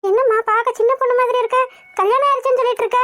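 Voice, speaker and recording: Anxious cartoon housewife, motherly and fussing, voiced by a woman; very high pitch, dry. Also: steady tone, racing, fairly bright tone, dry recording. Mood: worried, caring. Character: caring middle-aged village housewife, anxious. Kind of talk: cartoon voice acting.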